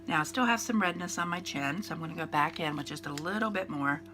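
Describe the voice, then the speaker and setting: A woman in her fifties talks fast in a low voice, chatting her way through a makeup routine as a beauty vlogger. She has a cold that leaves her nasal and congested, and her casual chat rambles with fillers and restarts. Background noise is present.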